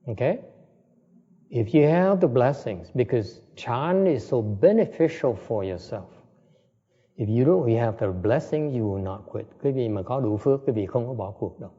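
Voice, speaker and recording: Male zen teacher, blunt and scolding, warm mellow tone, dull lo-fi recording. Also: medium pitch, lively intonation, normal speed, slightly rough. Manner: blunt, scolding, checks in with "Okay?". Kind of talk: dharma talk, self-interpreted.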